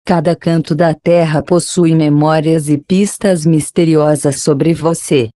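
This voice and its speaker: Mellow, soothing narrator, dry close sound. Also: medium pitch, fairly even intonation, unhurried, no echo. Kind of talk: scripted narration, audiobook-style reading; guided meditation.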